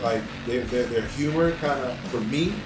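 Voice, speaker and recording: A man co-hosting a casual chat, halting and hesitant as he talks. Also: mid-range voice. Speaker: podcast co-host. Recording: roomy, distant mic, loud music.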